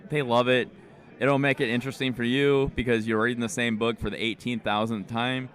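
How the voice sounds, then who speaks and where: A man's voice: medium pitch, flat delivery, brisk, fairly bright tone. A man co-hosting a livestream, joking and teasing his co-host in casual chat. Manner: joking, teasing, egging others on.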